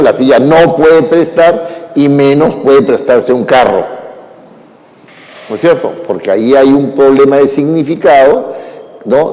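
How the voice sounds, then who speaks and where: A male lecturer addresses a class in an unhurried, explanatory manner, checking in with his listeners as he goes. His voice is dark and mellow, and a long reverb trails each phrase as if the room were a large hall. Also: medium pitch. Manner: unhurried, explanatory, with frequent "¿no?" tags and fillers.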